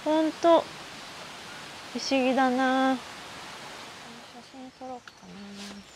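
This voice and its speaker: A middle-aged Japanese woman, a hiking vlogger, chats to herself as she walks uphill on an outdoor mountain trail, filmed with a body-worn camera. Her high-pitched voice moves slowly in this casual solo vlog, with noise in the background.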